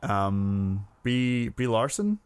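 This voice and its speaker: A man's voice: fairly low pitch, sing-song, very slow, clean tone, no echo. A man co-hosting a podcast in casual chat, rambling and hunting for names and words. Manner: rambling, hesitant, searches for words. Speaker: podcast co-host.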